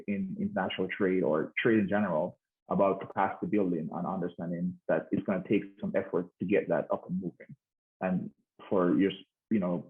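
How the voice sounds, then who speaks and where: A man in his thirties giving a conference talk, hesitant, with many restarts and fillers. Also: low voice. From Jamaica. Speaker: conference speaker. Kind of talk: informal presentation. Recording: tinny phone-like line.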